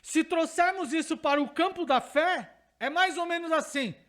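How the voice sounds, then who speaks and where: The pastor speaks at a normal speed in a strikingly high, fairly bright voice with a Brazilian Portuguese accent. Throughout his teaching sermon, he reinforces his points with repeated phrases and questions to the congregation.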